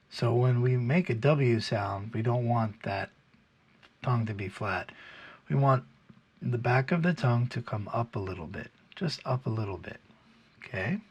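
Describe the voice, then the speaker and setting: A man with a standard American accent giving an informal pronunciation lesson, explaining patiently and haltingly step by step, with a slightly husky, gravelly voice. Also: mid-range voice, lo-fi sound. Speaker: pronunciation teacher. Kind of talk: informal instructional video, demonstrating English sounds.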